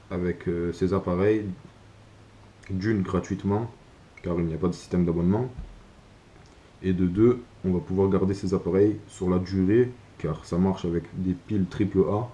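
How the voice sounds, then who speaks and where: A man giving an informal explainer vlog about gear, speaking in a halting, hesitant way. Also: sits low, dark tone. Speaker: video creator presenting survival gear.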